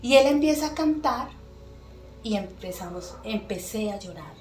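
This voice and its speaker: A middle-aged woman giving an earnest, emotional personal faith testimony as a podcast guest, pausing often with soft fillers. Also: medium pitch, expressive. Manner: earnest, emotional storytelling with many pauses and fillers. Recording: echoey room with faint music.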